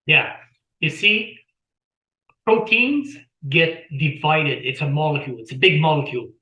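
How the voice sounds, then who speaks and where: A man's voice: fairly high pitch, big pitch swings, unhurried, sharp tone, echoey room, poor audio. A man chatting as an interview guest on a video call, rambling, repeating words and telling anecdotes. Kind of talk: casual explanatory talk.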